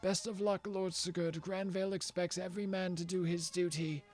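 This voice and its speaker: Stately old envoy from a video game, pitched up, formal and grand, as a streamer puts him on. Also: male voice, little pitch movement, moderate pace, a little mellow, faint music behind, natural voice. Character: pompous old male royal envoy. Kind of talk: reading game dialogue aloud.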